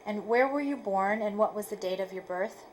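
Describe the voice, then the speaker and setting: A woman interviewer opening an oral history recording and asking formal, measured questions. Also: medium pitch, darkish tone, a little hiss or hum, poor audio.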